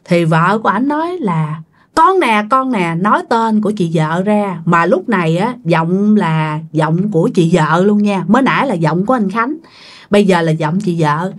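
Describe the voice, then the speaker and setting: A woman's voice: lowish voice, lively intonation, normal speed. A woman with a Southern Vietnamese accent telling a ghost story in a casual, chatty way and often speaking straight to her listeners. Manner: chatty, addresses listeners directly.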